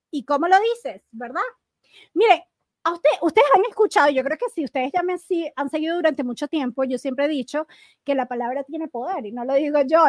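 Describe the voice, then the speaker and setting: High-voiced motivational woman, close and dry. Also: no room sound. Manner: earnest, addresses listeners directly, acts out everyday dialogue. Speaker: podcast host. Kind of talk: motivational self-help talk.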